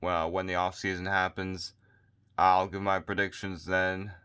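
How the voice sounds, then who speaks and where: Man, sports vlogger, low voice, bright and clear tone, rambling, tired, phone mic. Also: little pitch movement, unhurried. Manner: rambling, repeats himself, restarts often. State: tired, losing his voice. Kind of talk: casual opinion rant.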